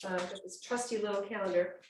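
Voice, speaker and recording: A woman's voice: mid-range voice, fairly even intonation, fast, a little hiss or hum. Chatty woman hosting from a roomy, distant mic. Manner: chatty, informal, exclamatory. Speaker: host of an online cooking class. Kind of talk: casual livestreamed cooking demonstration chat. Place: indoors at home, on a video call. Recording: roomy, distant-mic video-call sound.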